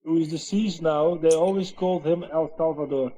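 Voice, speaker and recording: A man's voice: a little high, fairly even intonation, moderate pace, mellow, poor audio. A Dutch-speaking man talking in English with a Dutch accent on a casual video call, hesitant and full of fillers. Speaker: music coach in training. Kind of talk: casual chat.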